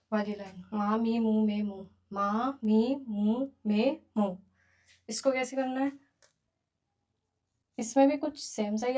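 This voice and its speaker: A Japanese teacher with a slightly high, dark-toned voice gives a beginner writing lesson, patiently counting each stroke aloud as she goes.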